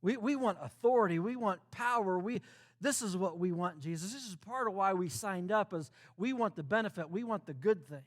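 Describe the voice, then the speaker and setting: Very high-voiced male pastor preaching. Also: brisk. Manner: repetitive rhetorical questions, conversational preaching. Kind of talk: sermon.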